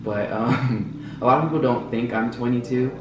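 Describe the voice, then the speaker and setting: A man's voice: medium pitch, moderate pace. Chatty young man in an echoey room. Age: 20s. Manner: chatty and open, loose filler-heavy talk. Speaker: vlogger. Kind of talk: casual Q&A vlog. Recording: roomy echo from a distance, with music.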